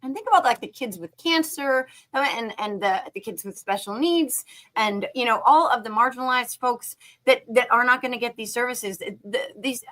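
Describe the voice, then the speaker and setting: A woman co-hosting a casual political chat, animated and blunt, swearing freely, riled up on caffeine. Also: a little high, normal speed, low-quality recording. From United States. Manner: animated, ranting, blunt with profanity. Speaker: podcast co-host.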